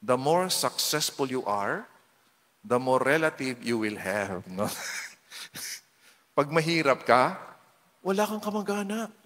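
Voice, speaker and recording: A Filipino man with a Filipino accent, a parish priest giving a playful, animated homily in a large church. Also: medium pitch, takes it slowly, long pauses. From Philippines. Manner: animated, playful, acts out quotes. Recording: long reverb of a church hall.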